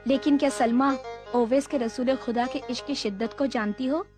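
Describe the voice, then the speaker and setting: A loyal young friend, voiced by an actress, answers calmly and patiently in a slightly high voice. Soft music runs under the dubbed line. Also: female voice, moderate pace, lightly acted. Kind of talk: Urdu film dubbing.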